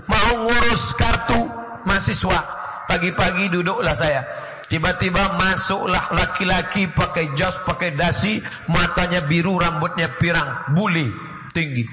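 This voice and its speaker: A man preaching a sermon in a mosque, telling lively stories with jokes and quoted foreign phrases. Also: high-pitched. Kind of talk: sermon to a congregation. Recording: dull lo-fi recording with clear background noise.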